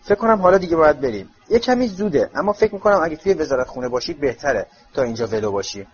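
A man's voice: fairly high pitch, expressive, lo-fi sound, close to an everyday voice. A man voicing a kind, encouraging middle-aged wizard father in a storybook reading. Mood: brisk.

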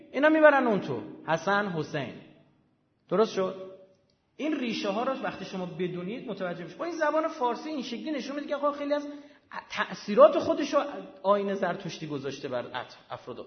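High-voiced man lecturing in a hall. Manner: emphatic, quizzes listeners with quick questions. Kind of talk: lecture to a live audience. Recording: dull lo-fi sound with long hall reverb.

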